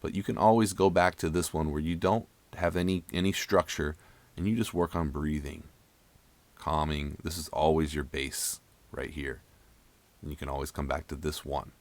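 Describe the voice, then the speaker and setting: A man coaching a guided breathing session for an ice bath in a calm, soothing, instructional manner. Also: rumbling low, normal speed, no echo. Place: voice-over with new-age music behind.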